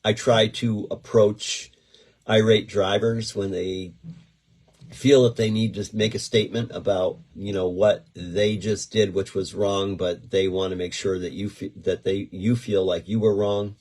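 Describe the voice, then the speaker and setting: A middle-aged man with a very low, husky voice, talking in a loose, rambling way as host of a casual chat show. He circles back and restarts his sentences, keeping an unhurried, easygoing tone throughout. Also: flat delivery, a little mellow. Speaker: podcast host and event promoter.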